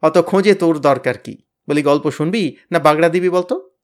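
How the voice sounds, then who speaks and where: A man voicing a bossy, blustering teenage boy who leads his gang, loud, threatening and boastful. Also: fairly high pitch, moderate pace, pitched above the performer's own voice, close to an everyday voice. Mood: boasting. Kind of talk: storybook reading.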